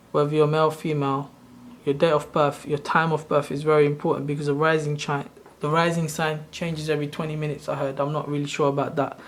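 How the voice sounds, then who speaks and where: A man's voice: fairly high pitch, slight background noise. Rambling man in his thirties explaining. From Sri Lanka. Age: 30s. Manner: loose, rambling explanation with self-corrections. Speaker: channel host. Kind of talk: casual screen-share tutorial.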